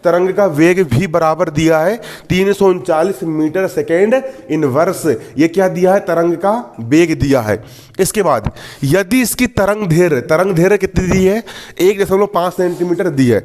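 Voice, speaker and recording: Man, young adult, high pitch, science tutor, repetitive call-and-response teaching. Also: normal speed, darkish tone. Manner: repeats questions to the class and answers them himself; joking asides to students. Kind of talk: exam-prep lesson.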